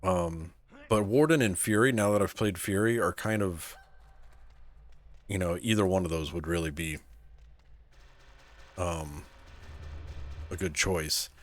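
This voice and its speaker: A man's voice: low-pitched, measured pace, pauses often. A man streaming a game live, chatting casually with viewers and talking through his picks with lots of "so, like" and "um". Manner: laid-back, answers chat, many fillers like "so, like" and "um".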